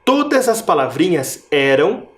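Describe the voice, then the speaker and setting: Lively Brazilian teacher sounding out syllables. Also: male voice, fairly high pitch, unhurried. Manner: stretches and stresses syllables, asks pupils questions. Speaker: primary school teacher. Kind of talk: recorded video lesson for children.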